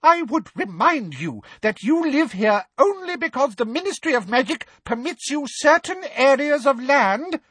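A man voicing a shrill, pompous, terrified woman official who speaks in a high-pitched, prim manner. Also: animated, moderate pace, fairly bright tone, dry recording, full character voice. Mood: shrill fear.

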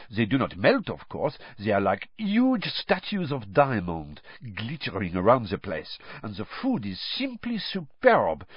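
A man's voice: mid-range voice, breathy edge, no echo, lo-fi sound, voice pushed up. A man voicing a haughty young woman student who talks in a dismissive, impatient way.

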